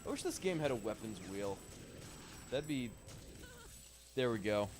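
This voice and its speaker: A game streamer casually commentates on a shooter he is playing, swearing freely and chatting loosely with viewers. His medium-pitched voice is sing-song and unhurried, over a noisy background.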